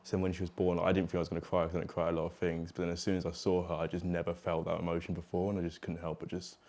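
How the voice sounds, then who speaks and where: A man's voice: sits low, monotone, racing, darkish tone. A man in his twenties telling a story earnestly in an interview. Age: 20s. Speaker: business student. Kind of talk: personal interview testimony.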